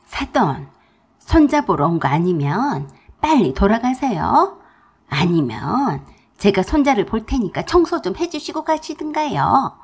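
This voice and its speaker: Lady playing a firm older mom, polite but sharp, husky voice, radio drama. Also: medium pitch, sing-song, unhurried, full character voice. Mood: indignant. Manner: polite but sharp, stands her ground. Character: older mother of the bride, firm and indignant.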